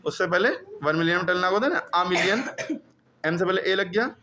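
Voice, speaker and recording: A man's voice: high voice, fairly quick, background noise. A man teaching a classroom grammar lesson, who keeps repeating questions to his pupils.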